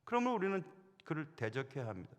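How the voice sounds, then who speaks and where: A man's voice: a little high, fast talker. A middle-aged man preaching a sermon as senior pastor, telling stories animatedly. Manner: animated storytelling, acting out quoted voices. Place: church sanctuary. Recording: long hall reverb.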